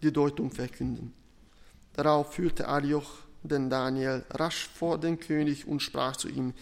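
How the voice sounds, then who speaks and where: A man preaching a sermon and reading scripture, deliberate and emphatic, with pauses between phrases. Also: a little high, steady tone, creaky, big-room sound.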